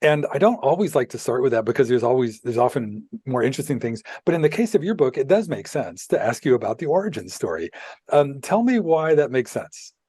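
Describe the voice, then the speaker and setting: Mellow-voiced male podcast host. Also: mid-range voice, sing-song, a little fast, husky, dry recording, clean studio sound. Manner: friendly, rambling with restarts. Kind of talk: casual interview hosting. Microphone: earphone mic on video call.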